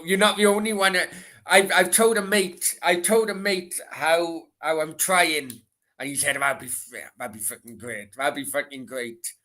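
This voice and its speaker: A man's voice: on the high side, pushed and bright, a little hiss or hum. A middle-aged man with a Welsh Valleys accent, chatting casually as a livestream host in a sweary, rambling, repetitive way. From Merthyr, south Wales. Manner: sweary, rambling, repeats himself. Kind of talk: casual late-night football Q and A chat.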